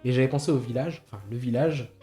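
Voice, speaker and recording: A fast-talking man with a medium-pitched, dark voice co-hosts a podcast, chatting casually about films while hesitating and repeating words as he thinks. The recording is slightly roomy, with music underneath.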